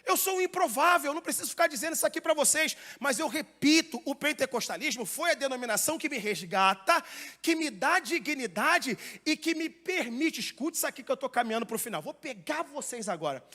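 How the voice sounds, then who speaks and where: A man with a Brazilian Portuguese accent preaching a fiery Pentecostal sermon in a church, swinging from loud shouts to quiet asides. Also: extremely high pitch, lively intonation, a little fast. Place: church hall. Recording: long hall reverb.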